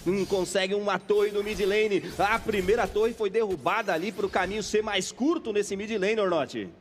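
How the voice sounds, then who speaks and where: High-pitched Brazilian male esports caster. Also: normal speed, slight background noise. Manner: emphatic, dramatic calls. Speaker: esports play-by-play commentator and host. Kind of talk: live esports commentary.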